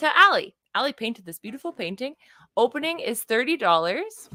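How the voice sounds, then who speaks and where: Woman, auction host, high animated voice, effusive, casual, very dry close sound. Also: brisk, dry recording. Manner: effusive, exclamatory. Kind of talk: live auction presenting and casual chat.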